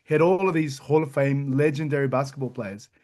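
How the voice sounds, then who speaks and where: A man co-hosting a card collecting podcast, telling stories in an enthusiastic, animated way. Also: medium pitch, a little fast. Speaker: podcast co-host. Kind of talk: casual chat.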